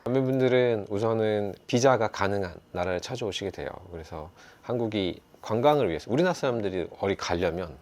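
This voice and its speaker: Man, support worker type; rapid, low-pitched explainer. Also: expressive, a little mellow. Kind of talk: explanatory interview.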